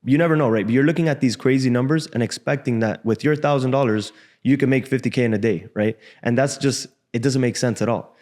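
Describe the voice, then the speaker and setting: A man in his twenties, born in Cuba and raised in Miami, tells his own story as a podcast guest. He talks in a relaxed, frank way with casual slang. He is recorded close on a studio boom mic. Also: fast talker. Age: 20s. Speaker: guest trader. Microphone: desk boom mic.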